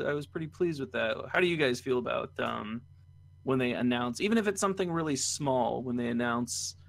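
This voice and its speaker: A man's voice: mid-range voice, a bit bright. A man co-hosting a gaming podcast in casual chat, laid-back and cursing now and then. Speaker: podcast co-host.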